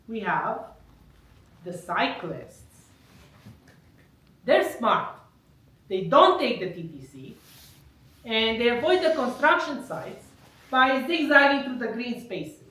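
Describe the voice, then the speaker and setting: A woman's voice: on the high side, sharp tone. A woman comedian doing live prop stand-up, delivering wry wordplay and chuckling at her own jokes. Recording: echoey room, mic at a distance.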